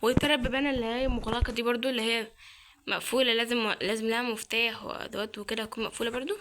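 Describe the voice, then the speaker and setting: A woman's voice: fairly high pitch, flat delivery, very fast, fairly bright tone. A young woman with an Egyptian Arabic accent, chatting and thinking aloud as she plays a horror game, with startled exclamations. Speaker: gaming channel host. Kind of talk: let's-play commentary.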